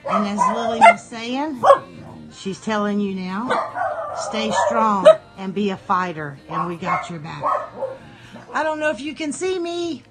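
A woman's voice: mid-range voice, huge pitch swings, a little slow, loud music behind the voice. A woman recording a playful home video message, teasing and encouraging.

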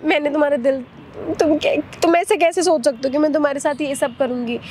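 A woman's voice: high-pitched, steady tone, fairly quick, darkish tone, a little hiss or hum, natural voice. A woman acting as a young girlfriend in a comedy skit, scolding her ex and pleading with her boyfriend, often stammering.

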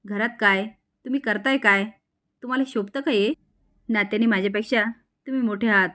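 A woman's voice: mid-range voice, fairly even intonation, fairly quick, a bit bright, lightly acted. Firm daughter-in-law, stern, pleading, woman narrator voicing her.

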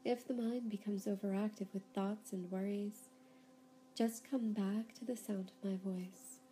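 A woman guides a yoga nidra session in a soft-edged, relaxed voice, calm and soothing, with unhurried pauses between instructions. A faint rumble can be heard behind her.

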